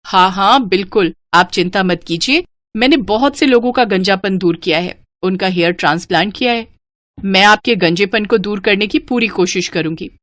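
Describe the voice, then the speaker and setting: A woman voicing a confident woman surgeon in a cartoon story, quick and reassuring. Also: mid-range voice, a bit bright, no room sound, studio quality, close to an everyday voice.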